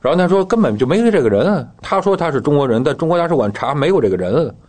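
A man's voice: fairly high pitch, sing-song, quick pace, a little mellow. A man telling his own story in casual talk, acting out the dialogue as he goes, with guitar music behind him.

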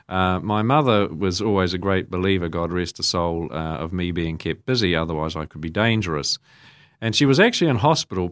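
New Zealand priest, low-pitched and chatty. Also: male voice, clean tone, no room sound, studio quality. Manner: chatty and self-deprecating, then measured intoning prayer. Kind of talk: homily and prayers of the faithful.

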